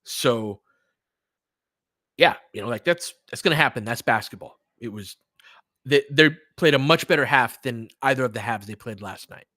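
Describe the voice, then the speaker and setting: A sports podcast host runs a live basketball stream, casually chatting and thinking aloud as he comments and replies to chat. His medium-pitched voice moves at a normal speed with a sharp tone, captured in clean studio sound with no room sound.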